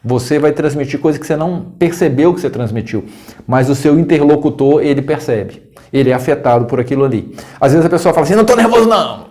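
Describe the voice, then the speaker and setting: A man's voice: on the high side, fast talker, dark tone. A man with a Brazilian Portuguese accent teaching a casual video lesson on communication. He talks conversationally, keeps adding little check-in questions, and breaks into short acted tones of voice. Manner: conversational, tag questions, acts out tones of voice with laughs. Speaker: coach and educator. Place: indoors, room with scouting decor corner.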